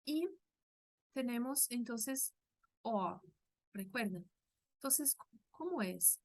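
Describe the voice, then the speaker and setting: A Brazilian woman with a Portuguese accent teaches a language lesson at an unhurried, deliberate pace. Her voice sits a little high, and she explains patiently, pausing to say each sound aloud for her learners. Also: animated.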